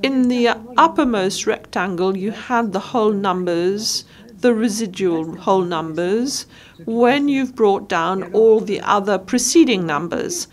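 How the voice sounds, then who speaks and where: A woman giving live interpretation of a lecture, speaking in short halting phrases and correcting herself as she goes. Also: medium pitch. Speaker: simultaneous interpreter.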